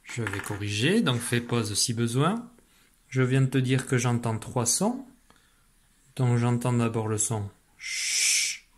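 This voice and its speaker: This primary school teacher, a man, takes his class through a spelling dictation slowly and deliberately, patiently repeating every syllable. His middle-pitched voice is animated, and there's a little background noise.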